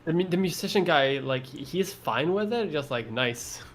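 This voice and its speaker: Relaxed Swedish-born man guesting on a chat. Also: fairly high pitch, moderate pace. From Sweden. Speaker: guest, YouTuber. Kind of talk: casual chat.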